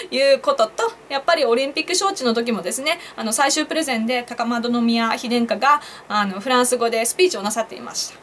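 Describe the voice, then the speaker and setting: A woman's voice: high voice, fairly bright tone, slight background noise. A young woman vlogger chatting on her own to viewers, laughing at her own jokes and asking them questions. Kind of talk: casual solo commentary to camera.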